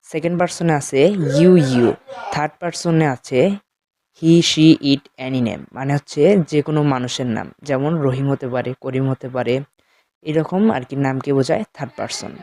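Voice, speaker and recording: A man teaching beginners in a slow, explanatory way with a Bengali accent, talking directly to his students. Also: fairly high pitch, a little mellow, slight background noise. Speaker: English teacher. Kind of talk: spoken lesson.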